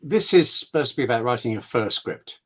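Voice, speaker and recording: Giving conversational writing advice as a guest scriptwriter, a British man speaks in an expressive, husky, sharp-toned voice of medium pitch. His delivery is emphatic and discursive, punctuated by dramatic pauses.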